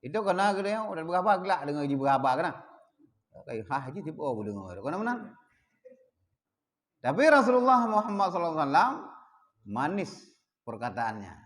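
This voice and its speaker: A man with an Acehnese accent, a religious teacher giving an emphatic text study lecture with loud stresses and quiet asides. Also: high-pitched, sing-song, quick pace, long pauses. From Aceh.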